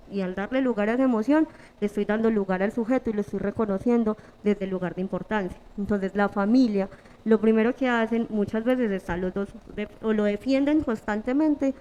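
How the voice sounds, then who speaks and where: Calm, mellow-voiced woman psychologist. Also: mid-range voice, low-quality recording. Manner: calm, instructive, lists numbered steps. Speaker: hospital psychologist. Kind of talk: explanatory interview answers.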